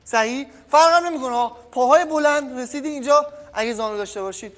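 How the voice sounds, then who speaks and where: A man from Iran with a cold, giving a casual, energetic boxing training tutorial to viewers he calls kids, recorded in a gym without a microphone. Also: very high voice. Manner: energetic, addresses viewers as kids, trails off quietly. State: has a cold. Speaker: boxing coach. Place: gym by a punching bag. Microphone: no microphone, camera audio. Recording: long echoey gym reverb.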